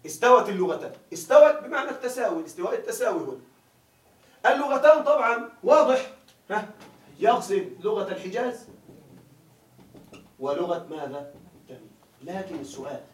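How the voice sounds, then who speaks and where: A man's voice: sits high, animated, moderate pace, long pauses, slight background noise. A man teaching grammar in a classroom lecture, often stopping to ask his students whether they follow. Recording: echoey room, voice from far off.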